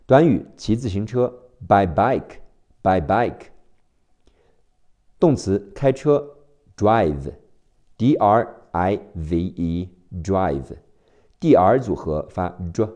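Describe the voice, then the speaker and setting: Deep-voiced guy teacher spelling out english words letter by letter, real slow, kinda dark mellow tone. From China. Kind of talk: spelling and pronunciation drill.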